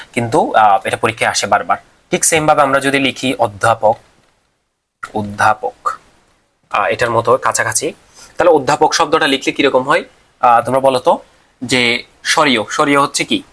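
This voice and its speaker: Guy teaching a class, asks then answers himself, sounds out syllables slow, mid pitch. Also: pushed and bright. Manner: asks students questions and answers them himself; repeats and sounds out syllables slowly. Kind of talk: classroom lecture on pronunciation rules.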